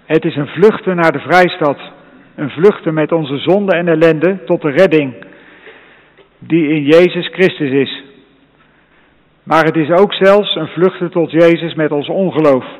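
A man preaching a sermon in a solemn, measured way, repeating his phrases. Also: fairly high pitch. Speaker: pastor. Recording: long reverb, dull lo-fi sound.

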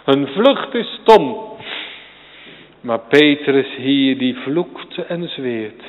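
A man preaching a sermon to a congregation and children, emphatic and swinging from quiet passages to sudden loud peaks. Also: medium pitch, expressive, very slow. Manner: addresses congregation and children directly. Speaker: pastor. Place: church. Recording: tinny phone-like sound, long church reverb.

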